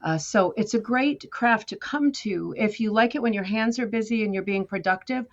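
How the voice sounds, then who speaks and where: An American woman, a guest artist, recounts her story in a conversational interview with a chatty, self-deprecating manner. She has a mid-range voice and moderate pace, and the recording's highs are cut off.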